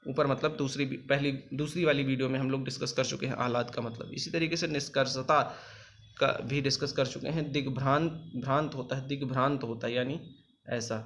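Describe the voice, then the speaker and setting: A man's voice: medium pitch, fairly even intonation, fairly bright tone. Patient spelling teacher, man. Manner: patient, repeats each word slowly and spells it out. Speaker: exam coaching teacher. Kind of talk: spelling lesson over written slides.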